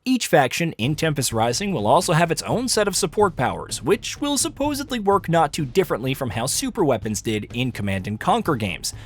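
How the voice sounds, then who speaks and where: Lively countdown narrator, higher-voiced man. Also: brisk, few pauses. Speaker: video narrator. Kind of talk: scripted top ten countdown narration of a video game.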